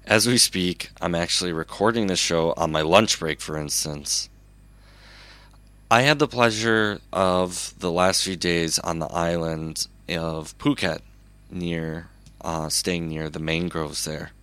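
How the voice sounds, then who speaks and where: A man hosting his own radio show, talking in a calm, unhurried, earnest monologue. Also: sits low, clean tone, no room sound. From Chicago, USA. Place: recording alone at a microphone.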